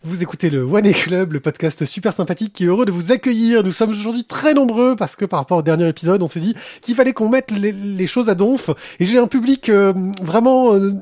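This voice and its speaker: A man hosts a casual podcast in an upbeat, rambling manner. His voice sits fairly high for a man. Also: brisk, hardly any pauses, darkish tone, no room sound, clean studio sound. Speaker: podcast host.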